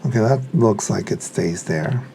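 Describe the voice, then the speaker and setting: A hobbyist reviewer with a lowish, mellow voice and some vocal fry talks at a moderate pace. He gives casual, hands-on unboxing commentary, muttering to himself as he works. A slight hiss or hum sits under the recording.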